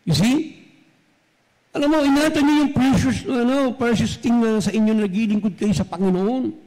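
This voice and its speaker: A man's voice: extremely high pitch, moderate pace, darkish tone. A man preaching a sermon as pastor, speaking straight to his congregation and switching between Tagalog and English. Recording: long reverb from a large hall.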